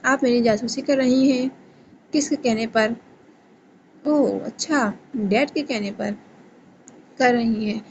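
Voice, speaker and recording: A woman's voice: a little high, long pauses, highs cut off, slight background noise, close to an everyday voice. A woman reading the lines of a bitter, angry young male boss in a romance novel reading. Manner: sharp and scornful.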